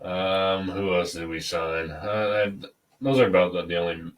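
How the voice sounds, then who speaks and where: A man with a fairly low voice co-hosts a casual sports podcast. He speaks in hesitant, halting runs, full of "uh" and "um" as he lists names. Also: steady tone, a little hiss or hum, poor audio. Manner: hesitant, filler-heavy listing. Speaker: podcast co-host, team fan.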